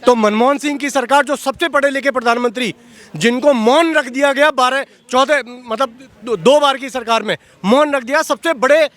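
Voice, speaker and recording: Man, interviewee, rebutting, self-correcting, very high pitch. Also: moderate pace, a bit bright. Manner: argumentative, corrects himself. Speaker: passer-by interviewee.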